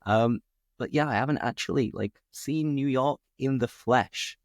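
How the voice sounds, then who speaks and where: Hosting a relaxed podcast chat, this English teacher from England asks curious, easygoing questions in British English. His mid-range voice keeps a measured pace, and the clean studio recording has no room sound.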